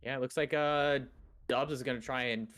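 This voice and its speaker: A man's voice: mid-range voice, steady tone, moderate pace, fairly bright tone. A man giving casual, analytical commentary on a live game match as a co-caster.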